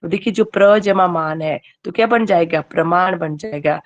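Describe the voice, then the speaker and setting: A woman's voice: lowish voice, moderate pace, highs cut off. A woman teacher giving an online grammar class. She keeps quizzing her students and checks in with "okay" as she goes.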